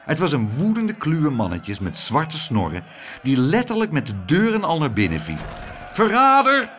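A man reading a children's storybook aloud in an expressive, animated storytelling way. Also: mid-range voice, normal speed. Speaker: narrator.

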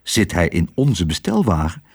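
A man's voice: low-pitched, huge pitch swings, normal speed, gravelly, a little mellow, husky, pitched below the performer's own voice, exaggerated voice. A man voicing a small, earnest girl who pleads in a storybook reading. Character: small brave girl on the run.

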